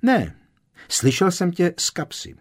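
Eager teen wizard boy done by a man reading a storybook, voice jumps up high, lively. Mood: earnest. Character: teenage boy wizard, defensive and earnest.

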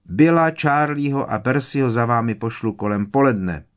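A man voicing a stern, scolding middle-aged witch mother with a shrill, sharp manner. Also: close to an everyday voice. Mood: curt.

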